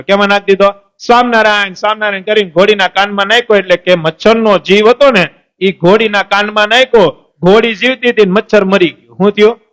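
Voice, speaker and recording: High-voiced man preaching stories. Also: a bit bright. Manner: asks the audience questions and answers them, voices saints and devotees in the stories. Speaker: lay preacher. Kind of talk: storytelling sermon. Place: temple assembly hall.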